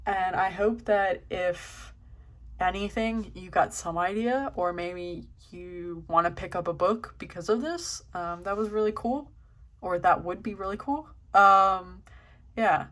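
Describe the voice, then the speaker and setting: A young woman's first vlog has her casually leafing through a journal, unsure of herself, self-deprecating, and full of ums. Her voice is lowish, a bit bright, and a little slow.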